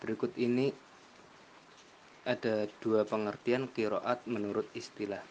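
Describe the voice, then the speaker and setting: A man's voice: fairly low pitch, level tone, a little slow, darkish tone, slight background noise. Young man reading lesson definitions carefully. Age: young adult. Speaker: university student presenter. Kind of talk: read-aloud lesson narration.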